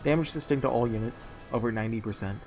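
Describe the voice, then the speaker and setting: A man voicing a failing machine god in a game, reading its breakdown as a flat, clipped system-error readout like a glitching robot. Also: medium pitch, quick pace, soft background music, lightly acted. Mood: cold, failing. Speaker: let's-play streamer reading game dialogue aloud. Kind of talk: reading game text aloud during a playthrough.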